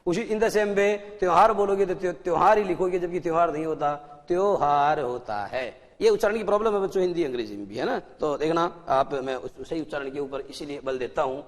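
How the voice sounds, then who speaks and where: A male teacher with an Indian English accent gives a classroom lecture and slowly dictates words to children, repeating them so they can be written down. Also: on the high side. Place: classroom studio. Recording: long reverb from a hall.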